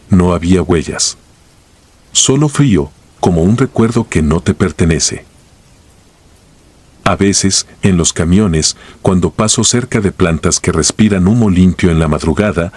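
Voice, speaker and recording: A man with a deep, low voice tells a scripted horror tale in the first person. His tone has a husky, slightly breathy grain. He keeps the delivery somber and grave throughout. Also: a little mellow. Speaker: horror story narrator.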